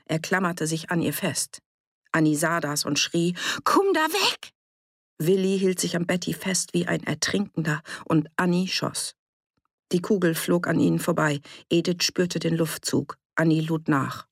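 A woman narrating a novel for an audiobook in a steady, measured storytelling manner. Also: sits low, creaky, breathy edge, no room sound, clean studio sound.

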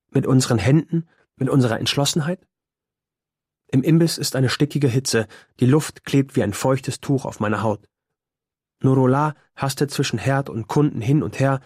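A man narrating a first-person novel in a measured, quiet storytelling manner. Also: medium pitch, husky, dry recording, studio quality. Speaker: audiobook narrator.

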